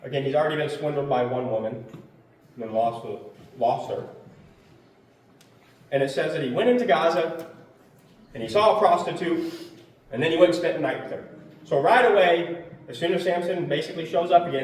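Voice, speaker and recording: A man's voice: a little high, fairly quick, long pauses. A man casually teaching a Bible study, retelling the story in a conversational, emphatic way with fillers. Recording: echoey room from far off, faint noise.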